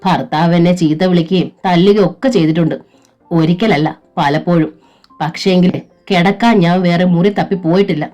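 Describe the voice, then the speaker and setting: A woman's voice: steady tone, moderate pace, warm tone, muffled recording, soft background music, natural voice. A woman voicing a stern, domineering older mother-in-law who scolds and lectures. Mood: scolding. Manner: scolding, shrill.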